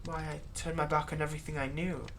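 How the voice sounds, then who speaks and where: Playing a vampire's long-serving human thrall, a woman performs a dramatic ASMR roleplay monologue in a low, level, slightly bright voice with a weary, regretful mood. Her delivery is halting, sardonic, and exasperated, becoming emphatic when she feels wronged, and the thrall moves from pleading to menace. Noise sits behind her voice.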